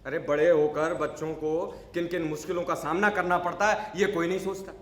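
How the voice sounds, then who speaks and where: A man's voice: fairly high pitch, flat delivery, fairly quick, reverberant, lightly acted. A man acting a grumpy, unsociable neighbor in a stage monologue, talking in a scolding, sarcastic, lecturing way. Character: grumpy unsociable male neighbor, middle-aged. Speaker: stage actor. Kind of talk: theatrical monologue.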